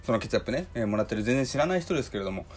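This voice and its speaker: A young man with a hoarse, dry throat and a Kansai accent, telling a story in a chatty solo podcast full of fillers. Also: medium pitch, expressive, very fast. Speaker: podcast host. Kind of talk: casual solo talk.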